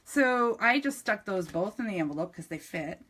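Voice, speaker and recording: A middle-aged woman with an upstate New York accent chats enthusiastically through a live-streamed craft demonstration, with frequent ums and restarts. Her mid-range voice is expressive, a bit bright, and breathy at the edges, at a normal pace.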